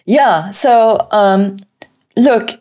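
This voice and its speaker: A woman's voice: medium pitch, extremely slow, mellow. A woman, a Persian speaker, talking earnestly and at length as a podcast guest. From Iran. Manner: earnest, emphatic, talks in long runs. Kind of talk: conversational interview.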